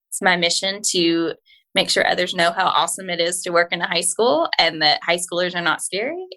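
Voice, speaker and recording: A woman's voice: lowish voice, bright, forceful tone. A woman speaking as an interview guest on a podcast, in an informal, earnest and encouraging way. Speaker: podcast guest, school speech-language pathologist. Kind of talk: conversational interview.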